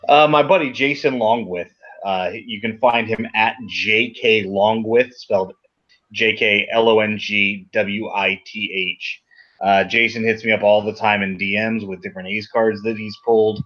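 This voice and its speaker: A man's voice: on the low side, steady tone, normal speed, a bit bright, muffled recording. A man co-hosting a casual podcast, chatty and laid-back, laughing easily. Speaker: podcast co-host. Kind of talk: casual chat.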